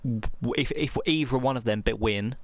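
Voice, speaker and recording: A young man giving excitable play-by-play commentary on a football video game while he plays. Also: mid-range voice, moderate pace, no room sound. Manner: excitable, talks to himself while playing. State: out of breath. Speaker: gaming commentator.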